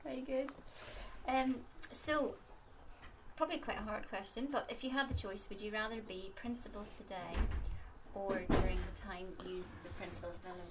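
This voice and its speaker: A woman's voice: medium pitch, moderate pace, background noise. A woman interviewer asking questions and giving short prompts. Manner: brief encouraging prompts.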